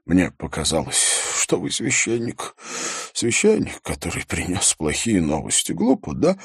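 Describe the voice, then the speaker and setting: A man's voice: deep voice, huge pitch swings, unhurried, breathy edge, dry recording, clean studio sound, full character voice. A man voicing an anxious, emotional middle-aged theatre producer, nervous and fussy.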